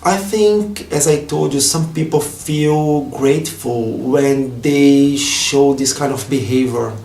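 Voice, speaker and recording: In a slow, gravelly, mid-range voice with a darkish tone and roomy acoustics, the Brazilian vlogger gives a personal monologue. Portuguese is his first language, and his earnest delivery carries slightly non-native phrasing.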